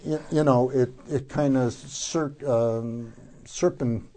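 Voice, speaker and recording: An older man with a soft-edged, mellow voice explains practical gardening in an informal interview. He sits at a middling pitch for a man and speaks haltingly, often hunting for the right word. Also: steady tone. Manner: halting, searching for words.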